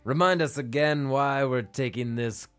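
A man playing a world-weary old seafaring private detective in a gruff, brooding, self-dramatizing noir monologue style for a comic radio play. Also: mid-range voice, a little slow, a bit bright, natural voice. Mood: surly, sheepish. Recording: music playing under the voice.

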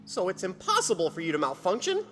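A woman's voice: fairly low pitch, huge pitch swings, fast, background noise. A woman playing an eager, earnest young cub reporter boy in a retro sci-fi radio drama. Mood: worried.

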